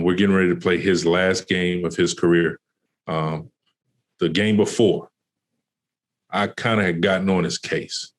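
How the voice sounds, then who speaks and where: Deep-voiced coach telling a story. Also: male voice. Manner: casual, many fillers and restarts; animated when retelling conversations. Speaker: college basketball associate head coach. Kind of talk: podcast interview storytelling.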